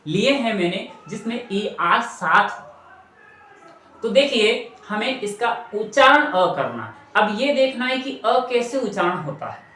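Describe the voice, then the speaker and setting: Slow, bright-voiced male teacher in an echoey room. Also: high-pitched. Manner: slow, repetitive, explaining step by step. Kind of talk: phonics lesson.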